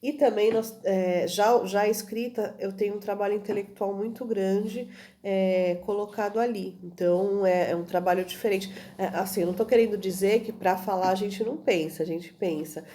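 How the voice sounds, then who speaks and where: A woman's voice: mid-range voice, steady tone, normal speed, warm tone. A woman teacher giving a recorded video lesson, explaining at an easy pace and often checking in with her students. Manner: many fillers and restarts, checks in with "tudo bem?".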